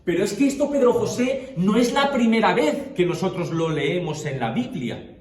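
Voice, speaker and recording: A man's voice: sits high, expressive, normal speed. A man teaching an informal Bible class to a group in Spanish, conversational and full of questions to his listeners. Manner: conversational, asks the class questions, many filler checks. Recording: echoey room, distant mic.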